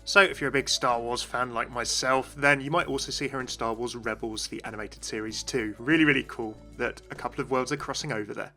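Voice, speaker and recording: Over faint background music, a man with a mid-range, steady, sharp voice talks a little fast with hardly any pauses. He is a video host and game lore commentator presenting a scripted explainer, addressing viewers directly and enthusiastically.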